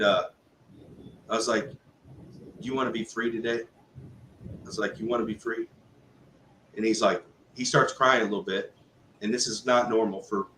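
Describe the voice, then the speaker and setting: A man telling a story in a casual, lively way, with many fillers and acted-out quotes. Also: fairly low pitch. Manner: animated, conversational, full of fillers and quoted speech. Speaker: guest telling a testimony. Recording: roomy echo with faint background noise.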